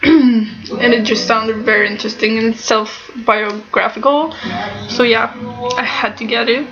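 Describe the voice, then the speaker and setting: Female vlogger, blocked broken-nose sound, unhurried casual delivery, slightly dull recording. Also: fairly high pitch, fairly even intonation, over music. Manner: halting, often breaking into small laughs. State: stuffed-up nose. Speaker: book vlogger. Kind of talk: casual chatty book haul.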